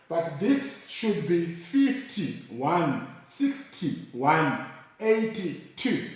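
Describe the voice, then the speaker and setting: A man teaching pronunciation, slowly and deliberately repeating each word as an example. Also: on the high side, darkish tone. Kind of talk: explanatory lesson. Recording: very echoey room, mic far off.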